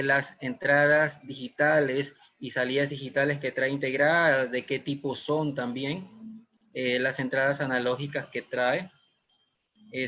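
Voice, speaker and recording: A man's voice: mid-range voice, pushed and bright. A young man from Ecuador with a Guayaquil accent, giving a live webinar lesson and explaining step by step with frequent "eh" fillers. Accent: Ecuadorian Spanish, Guayaquil. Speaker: automation instructor. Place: small room indoors. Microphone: webcam or laptop mic on video call. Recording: muffled video-call audio.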